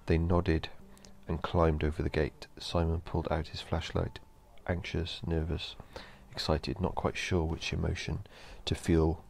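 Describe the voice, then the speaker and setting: A man narrating a horror story in a slow, measured storytelling delivery. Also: extremely low pitch, little pitch movement, gravelly, a little mellow, a little hiss or hum.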